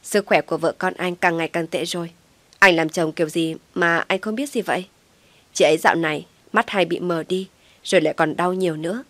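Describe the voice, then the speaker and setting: A woman's voice: fairly low pitch, a little fast, fairly bright tone, no room sound, natural voice. A woman voicing a female hospital nurse who talks in a blunt, matter-of-fact way.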